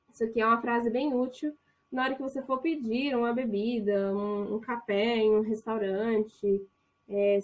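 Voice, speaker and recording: Woman from Brazil, online English teacher, higher voice, chatty, checks in often. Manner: chatty, checks in with "tá?", slows down to model English phrases. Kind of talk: online language lesson. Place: online course recording.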